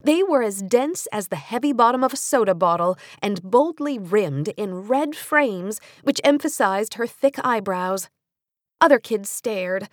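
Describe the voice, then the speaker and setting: This audiobook features an American female narrator reading nonfiction aimed at young audiences. Her medium-pitched voice is deliberate and precise yet expressive like a storyteller's, captured close on a studio microphone with no echo.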